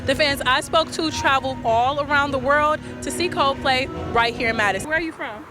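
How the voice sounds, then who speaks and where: A woman reporting a news package, narrating in a crisp, measured way. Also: high voice, music in the background. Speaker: field reporter.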